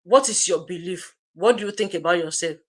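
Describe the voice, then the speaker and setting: A woman's voice: lowish voice, a little fast. A woman co-hosting a livestream, giving an emphatic motivational talk straight to her viewers and repeating phrases to drive them home. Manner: direct, addresses viewers as you. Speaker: co-host of an online business community livestream.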